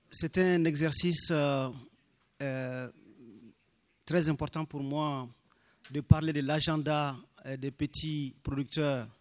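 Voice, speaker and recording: Representing a small farmers' movement, a Minyanka-speaking man gives a formal address, earnest and deliberate, stressing key phrases. His voice sits somewhat high, and there's no room sound in the recording.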